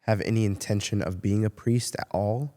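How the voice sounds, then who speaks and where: Low-voiced male podcast host. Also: steady tone, moderate pace, dark tone. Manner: brief interjections and questions. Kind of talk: interview questions.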